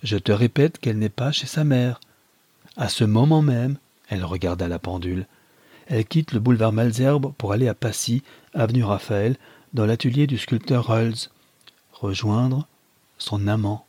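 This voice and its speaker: A man reading a novel aloud, voicing a possessive older mother who speaks slowly and insistently. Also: on the low side, dark tone, slightly rough, no echo. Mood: coldly insistent. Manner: slow, measured, insistent. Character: Madame Daliphare, cold possessive mother, slow and deliberate.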